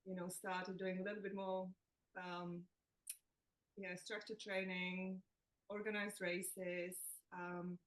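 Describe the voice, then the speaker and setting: A Czech nutritionist appearing as a podcast guest chats casually in an interview, self-deprecating and laughing as she talks. Her lowish voice keeps a level tone at a slow pace with frequent pauses, and the recording is low quality.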